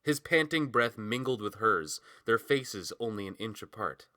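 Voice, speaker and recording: Low-voiced, bright audiobook narrator. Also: male voice, lively intonation, a little slow, no echo, clean studio sound.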